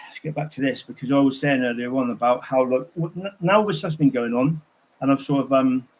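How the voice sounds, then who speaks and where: A man's voice: mid-range voice, low-quality recording. A man chatting casually on a livestream, telling rambling, digressive stories.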